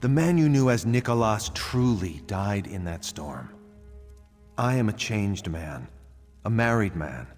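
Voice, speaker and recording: Resigned ex-thief painter in a video game, theatrical confessing, lowish voice, big reverb. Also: male voice, expressive, a little slow, darkish tone. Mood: resigned, confessional. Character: retired thief turned painter, a resigned married man. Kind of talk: video game character dialogue. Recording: long reverb, music behind.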